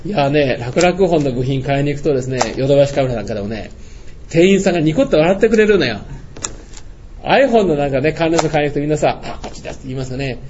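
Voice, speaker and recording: A man's voice: a little high, expressive, fast, a little mellow. An older man giving a blunt, scolding lecture-style talk. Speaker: speaker. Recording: dull lo-fi sound with faint noise.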